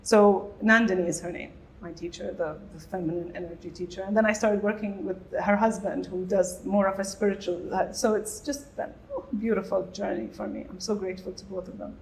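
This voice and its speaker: A woman's voice: mid-range voice, fairly even intonation, fairly quick, vocal fry, slight background noise, rough recording. A middle-aged woman from Bahrain, a guest on a podcast interview, telling her story animatedly and acting out her inner dialogue. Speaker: guest entrepreneur.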